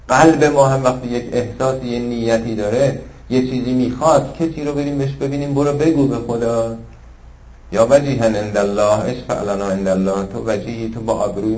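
A man giving a sermon. He moves between fervent, raised passages and hushed asides, and slows down to intone scripture. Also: mid-range voice. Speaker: religious lecturer. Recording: roomy echo.

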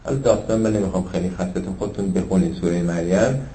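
A man with a fairly low voice preaches with fervor. He rises to loud, impassioned passages, then drops to hushed asides, and draws out scriptural quotations slowly. The recording carries a roomy echo. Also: a little hiss or hum. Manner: shifts between fervent raised passages and hushed asides, slowly intoning scripture. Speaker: religious lecturer. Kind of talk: sermon.

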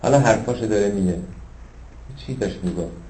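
A man giving a sermon. He moves between fervent, raised passages and hushed asides, and slows down to intone scripture. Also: fairly low pitch, a little hiss or hum. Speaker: religious lecturer. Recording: roomy echo.

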